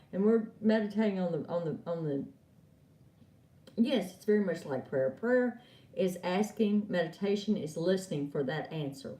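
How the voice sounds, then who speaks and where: A woman's voice: medium pitch, warm tone. Chatty woman giving a card reading. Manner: chatty, laughs often, talks to viewers by name. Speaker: oracle card reader. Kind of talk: live stream chat with viewers. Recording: echoey room, far from mic.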